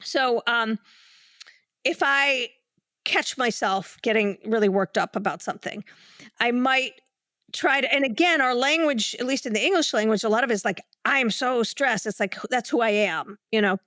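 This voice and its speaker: Woman, psychologist, podcast guest, calm explainer, slightly high voice, dry sound. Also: normal speed, no room sound. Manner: calm, explanatory, with many fillers and restarts; demonstrates breathing while talking. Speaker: clinical psychologist. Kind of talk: guest explaining calming techniques in a podcast interview.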